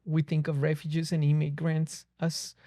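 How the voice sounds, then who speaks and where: A native Spanish speaker with a Colombian accent, a podcast guest, reflectively tells his personal story in conversation. His slightly high voice is mellow and monotone at a moderate pace, recorded dry on a close boom-arm mic in a small podcast studio.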